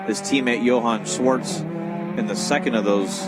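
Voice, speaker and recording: A man's voice: mid-range voice, expressive, a little slow, over loud music. A man giving live motorsport commentary on a race.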